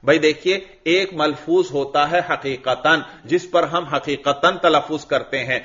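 A man's voice: on the high side, a bit bright, muffled recording. A male religious teacher giving a lecture on an Arabic grammar text. He chants the Arabic lines, explains each one, calls the listeners brother and checks that they follow.

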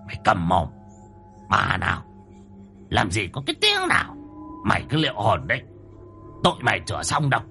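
A man's voice: on the low side, wildly swooping pitch, moderate pace, gravelly, pauses often, sharp tone, faint music behind, full character voice. A man voicing a harsh rich landlord who curses and threatens his servants. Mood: snapping. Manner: barking, cursing, threatening. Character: harsh brutal rich old landlord, bullying.

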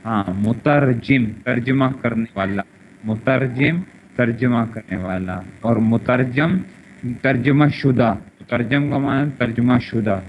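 A man's voice: mid-range voice, fairly even intonation. A man with a Pakistani Urdu accent giving an online grammar lesson, repeating words and drilling conjugations over and over. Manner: repetitive, drilling word pronunciations and conjugations. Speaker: teacher of Arabic morphology. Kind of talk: online classroom lecture. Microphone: internet voice chat room. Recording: lo-fi voice chat with faint noise.

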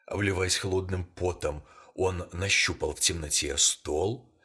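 A man narrating an audiobook story in a measured, somber way. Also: deep voice, fairly even intonation, pushed and bright, breathy edge.

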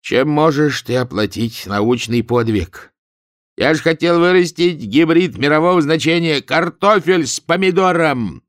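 A man's voice: a little high, measured pace, dry recording, clean studio sound, voice pushed up, close to an everyday voice. A man voicing a gloomy, stubborn middle-aged villager who talks curt and grim.

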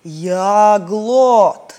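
A woman voicing an ancient, brooding male stone island monster, speaking slowly in a low, hollow voice. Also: warm tone. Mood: ominous.

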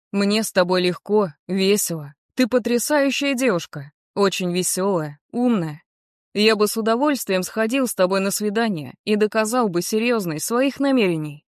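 A woman's voice: mid-range voice, dry recording, clean studio sound, close to an everyday voice. A woman reading as an earnest young man. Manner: sincere, gently persuasive. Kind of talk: audiobook character reading.

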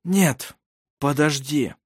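A cold, menacing man, as a male narrator puts him on, barking curt commands in a lifeless, monotone, hoarse rasp. It is an audiobook character voice. The sound is dry and close. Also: on the high side, extremely slow, dry recording, exaggerated voice.

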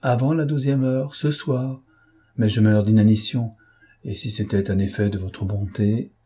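A man reading an audiobook, voicing a self-assured, ironic gentleman thief in a low, husky voice. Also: fairly even intonation, a little slow. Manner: mocking, breezy.

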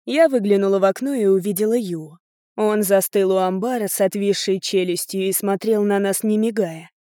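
A woman reading a novel aloud in a calm, detached narrating voice. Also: mid-range voice, moderate pace, no echo, clean studio sound. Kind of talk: audiobook narration.

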